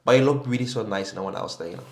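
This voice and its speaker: A young man from Sierra Leone talks quickly through a casual video reaction, filling every pause with "like" and "you know". His mid-pitched voice bounces around an echoey room. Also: a little hiss or hum. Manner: rambling, heavy on "like" and "you know". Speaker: YouTube reactor.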